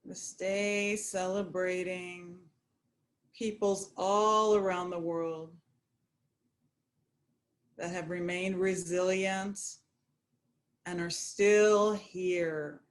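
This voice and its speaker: A woman guiding a yoga nidra meditation, speaking in a slow, soothing, prayerful way. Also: lowish voice, fairly even intonation. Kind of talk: guided meditation.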